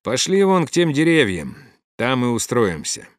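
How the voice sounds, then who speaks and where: A man reading the part of a hard, cynical mercenary, curt and gruff, in an audiobook. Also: mid-range voice, big pitch swings, normal speed, no room sound, studio quality, lightly acted.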